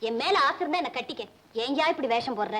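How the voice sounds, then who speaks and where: A woman's voice: high voice, expressive, fast talker, heavy background noise. An actress playing a spirited young woman in an old film comedy, teasing and coaxing her bashful suitor. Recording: old film soundtrack with loud music.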